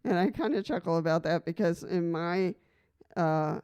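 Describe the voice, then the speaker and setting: In this vlog, a middle-aged woman from Costa Rica talks casually to the camera, full of fillers and laughs as she rambles. Her lowish voice is smooth and darkish at a moderate pace, though the recording sounds muffled.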